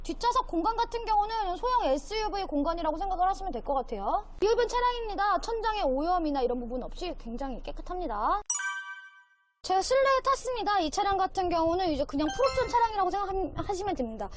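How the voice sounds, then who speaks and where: A woman with a strikingly high, lively voice presents a used car as a dealer. She talks fast in an informal sales walkaround, going through the features point by point over faint ambient noise. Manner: talkative salesperson pitch, explaining features point by point.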